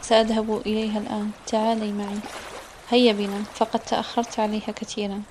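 A woman reading the part of a devoted young man in an audiobook, speaking quietly with a shaky, emotional voice. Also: medium pitch, level tone, quick pace, slight background noise, natural voice. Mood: longing.

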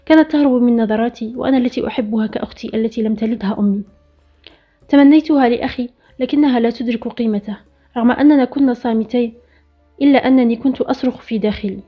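Quick, bright-toned woman storyteller. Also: a little high. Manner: steady first-person storytelling read. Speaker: narrator. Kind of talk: scripted story narration. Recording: dull lo-fi recording with faint music.

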